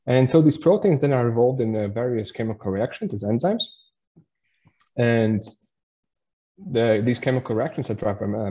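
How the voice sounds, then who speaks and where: A man's voice: medium pitch, mellow, muffled recording. A man in his thirties from Latvia, giving a science lecture in a webinar, hesitant with fillers and restarts. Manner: hesitant, many fillers and restarts while explaining.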